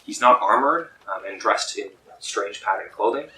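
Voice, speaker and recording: A man narrates a tabletop roleplaying session, pacing out the scene with small pauses and fillers. His voice sits a bit low but sounds bright and forward. The room is echoey, with a faint hiss under it. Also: far from the mic. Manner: descriptive, unhurried with frequent ums. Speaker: game master.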